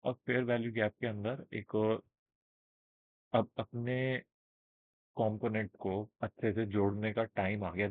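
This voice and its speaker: A man teaching trading in a casual screen-share lesson, speaking slowly and checking in with his listeners often. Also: on the low side, dry recording. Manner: explains with everyday examples, checks in with listeners. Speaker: trading instructor. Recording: narrow phone-like band, dry.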